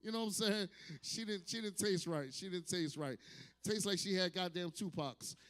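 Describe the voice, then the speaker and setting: A man hosting a stand-up comedy night, loud and profane, hyping the crowd between jokes. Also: high voice, normal speed. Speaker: comedy show host. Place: comedy show at a distillery. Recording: live venue with long hall reverb.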